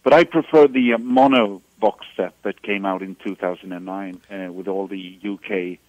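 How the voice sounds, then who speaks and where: A man from Sweden in his fifties talks in a lowish voice, often pausing and restarting his phrases as a guest. The sound is dry and a little dull, as if over a phone line. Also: dry recording. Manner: hesitant, restarts phrases, animated about music. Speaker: musician guest. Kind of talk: radio interview over the phone.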